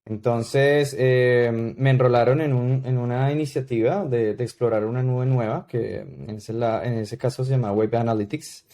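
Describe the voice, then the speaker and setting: Hesitant Colombian man, mellow tone. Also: medium pitch, steady tone, moderate pace, hardly any pauses. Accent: Colombian Spanish. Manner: hesitant, many fillers and restarts. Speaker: guest consultant. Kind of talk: podcast interview.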